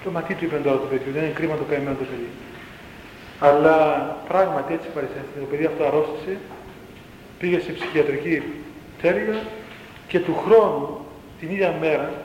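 A man's voice: on the high side, long pauses, slight background noise. A man, a monk, recounting stories about an elder, acting out the voices of the people in them. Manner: animated storyteller, acting out the quoted voices. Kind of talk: spoken storytelling talk. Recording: echoey hall, dull faint ambience.

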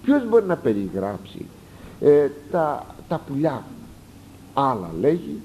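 A man preaching a sermon, reading passages aloud and explaining them with lively asides and sudden rises for emphasis. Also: mid-range voice, muffled recording, a little hiss or hum. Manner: animated, rising sharply for emphasis, explanatory asides. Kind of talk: sermon expounding a text.

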